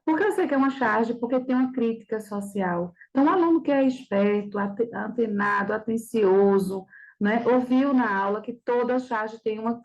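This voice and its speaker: A woman teaching language with a fairly high voice. She works through exam answers step by step, pausing often to ask whether everyone follows. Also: a little mellow, low-quality recording. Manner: didactic, with frequent checking questions. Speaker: Portuguese teacher. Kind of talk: reviewing a practice exam.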